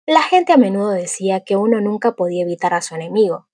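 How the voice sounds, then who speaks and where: Woman, audiobook narrator, steady even reading, breathy husky tone, dry close recording. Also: medium pitch, fast, no echo.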